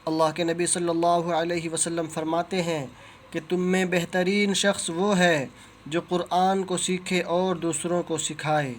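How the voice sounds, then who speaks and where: A man teaching Quran reading, who pronounces letters slowly and carefully and explains each sound in plain, patient speech. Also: on the high side, a little hiss or hum. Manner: drawn-out, careful letter recitation with pauses. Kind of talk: slow teaching of Arabic letter pronunciation.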